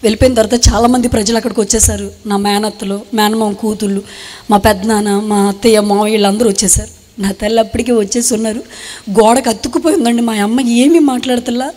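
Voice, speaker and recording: A woman's voice: a little high, steady tone, a little mellow. Young woman giving an earnest testimony, echoing. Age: young adult. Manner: earnest, halting retelling in short phrases. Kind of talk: emotional spoken testimony. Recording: long hall reverb.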